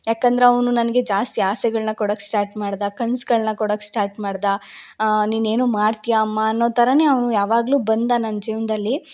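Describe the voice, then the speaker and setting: Young woman vlogger with a rural Bangalore Kannada accent, slightly high voice, heartfelt reflective storytelling. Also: fairly even intonation, a little fast, a little mellow. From Karnataka, India. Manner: heartfelt, reflective, repeats phrases while recalling. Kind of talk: personal storytelling vlog.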